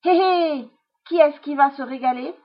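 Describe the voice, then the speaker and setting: A woman's voice: sits high, unhurried, pitched above the performer's own voice. A woman voicing a sly, greedy male fox in a storybook reading, with gloating cackles, on a dull lo-fi recording.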